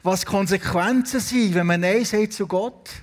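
A man's voice: sits high, a little slow. A man preaching a sermon with a Swiss German accent, retelling Bible stories and putting questions to the congregation. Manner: storytelling, asks the congregation questions. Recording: long hall reverb.

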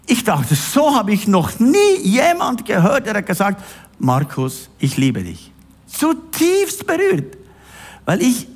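Lively high-pitched man preaching a sermon. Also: husky. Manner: emphatic, direct address to listener.

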